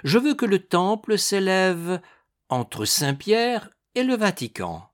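A man's voice: high-pitched, big pitch swings, takes it slowly, pitched above the performer's own voice, full character voice. A man voicing a proud scheming noblewoman. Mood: grand, languid. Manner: languid, grandly ambitious. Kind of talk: audiobook reading.

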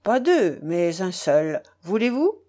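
A brash, cynical young man, as a woman reader puts him on, blunt and loud, deliberately butchering his French. He speaks slowly, dragging out each crude demand. The voice stays in an ordinary middle register. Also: fairly low pitch, sing-song, heavily acted. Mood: brusque mocking. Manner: brusque, loud, mangles French on purpose.

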